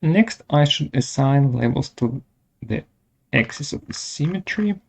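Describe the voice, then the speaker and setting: Step by step, a man presents a software tutorial in short, halting instructions. His gravelly voice sits in the mid range and is expressive.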